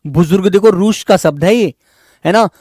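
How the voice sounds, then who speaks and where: A man's voice: high voice, normal speed, darkish tone, dry recording, clean studio sound. A man teaching an online exam-prep class. He lists example words one at a time, calls his students his children and keeps checking "is it not?".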